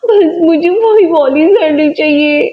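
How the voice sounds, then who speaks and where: Woman doing doll play-acting: high voice, whiny and pleading, lo-fi recording. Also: measured pace. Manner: whiny, pleading, near tears. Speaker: doll video creator. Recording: dull lo-fi recording.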